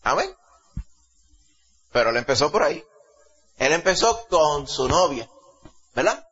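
A man with a Puerto Rican accent preaching a sermon to a congregation, emphatic, rising to loud exclamations and dropping low, often asking his listeners questions. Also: big pitch swings, measured pace. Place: church service before a congregation. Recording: dull lo-fi recording.

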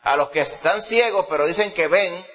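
A fairly high-voiced man preaches with folksy, lively energy. The sound is dull and lo-fi, with a long reverb trailing each phrase, as if he were in a large hall. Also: normal speed. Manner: lively, folksy, with homely examples and laughs. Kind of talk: sermon.

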